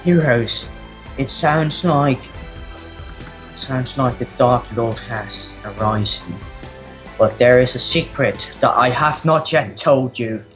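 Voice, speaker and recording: A man role-playing a solemn time-traveller in a video game, with a slow, portentous, dramatic delivery. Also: mid-range voice, fairly bright tone, soft background music. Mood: grave warning. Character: solemn time-travelling future soldier warning of a dark lord.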